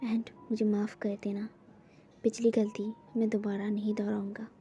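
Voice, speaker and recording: A man's voice: very high voice, little pitch movement, a little slow. A man reading as a remorseful dragon lover. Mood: whispered tender. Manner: soft, apologetic. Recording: dull lo-fi recording, faint music.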